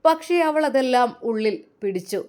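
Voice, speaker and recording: A woman's voice: on the high side, expressive, normal speed, a little mellow. A woman storyteller with a Malappuram Malayalam accent, narrating a family drama expressively.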